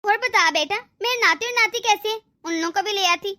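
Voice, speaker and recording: A woman voicing a sickly, kind older mother-in-law in an animated family drama, speaking in a soothing, pleading way. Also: extremely high pitch, fairly quick. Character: sickly, kindly older mother-in-law, always defending her daughter-in-law.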